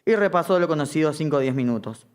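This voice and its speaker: A man in middle age lectures on directing a band. His voice sits a bit high for a man. He talks in a live classroom way, tossing in quick checks that everyone is with him. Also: animated, clear, resonant tone. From Argentina. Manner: keeps checking understanding with a quick "¿sí?". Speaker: music director teaching a course.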